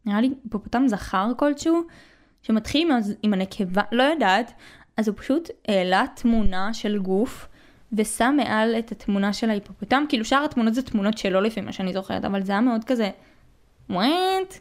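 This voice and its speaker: Casting: early-20s woman, Israeli accent, medium pitch, casual slangy podcast host who mixes in English. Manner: slangy, conversational, with English words mixed in. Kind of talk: casual chatty monologue.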